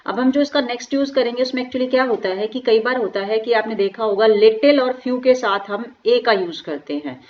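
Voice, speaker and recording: A woman teaching English grammar in a lecture, asking rhetorical questions and slowly spelling out words. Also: on the high side, darkish tone, dull audio. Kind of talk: classroom lecture explaining grammar.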